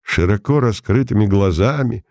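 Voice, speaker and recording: A man narrating an audiobook with steady, measured delivery. His voice is very low and gravelly, with a warm, dark tone. The recording is dry and close, with no room sound. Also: dry recording.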